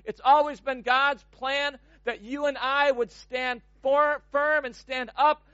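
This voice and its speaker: A man with a very high voice preaches a sermon, pressing his points with emphasis and repeating words as he gathers speed. The sound is dry and close, but slightly muffled and lo-fi. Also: steady tone, slow pace, sharp tone, no room sound. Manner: emphatic, repeats words when building momentum.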